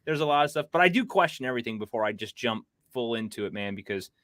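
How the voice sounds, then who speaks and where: A man's voice: mid-range voice, lively intonation, quick pace, fairly bright tone, no echo, studio quality. A man hosting a casual podcast livestream, rambling through news and reading chat comments aloud. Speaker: podcast host.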